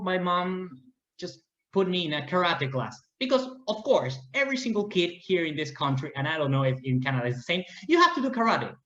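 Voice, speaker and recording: A Peruvian man in his thirties speaks English with a Spanish accent, earnest and unhurried, restarting phrases as he searches for the right word. His voice sits at an ordinary pitch. The recording is roomy and a little dull, like lo-fi audio from a bare room. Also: fairly bright tone. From Peru. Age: 30s. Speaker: guest. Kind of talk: casual interview talk.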